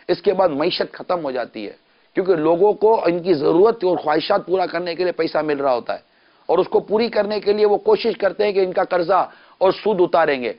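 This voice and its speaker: A man's voice: sits high, dull audio. A man preaching a televised sermon, emphatic and rhetorical, piling up lists and repeated questions. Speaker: Islamic preacher.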